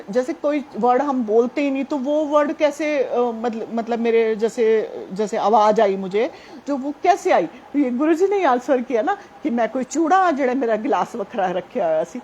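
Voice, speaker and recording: A devotee shares a personal devotional testimony, earnestly telling her story and addressing her listeners directly. Her voice is a little high and a little mellow, with slight background noise.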